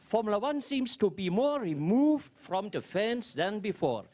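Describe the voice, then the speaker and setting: Journalist reading long questions. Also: male voice, high voice, very animated, a little slow, darkish tone. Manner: reads long, earnest questions from notes. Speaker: newspaper journalist. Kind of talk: formal press conference questions.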